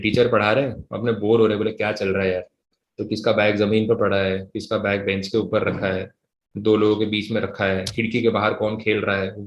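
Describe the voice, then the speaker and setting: A man teaching a live class, explaining at a casual pace and slowly dictating definitions word by word. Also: fairly low pitch, reverberant, low-quality recording. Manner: switches between conversational talk and English reading.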